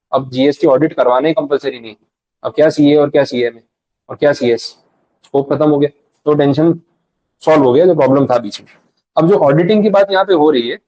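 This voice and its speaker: A man's voice: on the high side, dark tone, no echo, muffled recording. A man giving a live revision lecture in a chatty way, acting out short bits of dialogue. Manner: fast, conversational, acts out little dialogues.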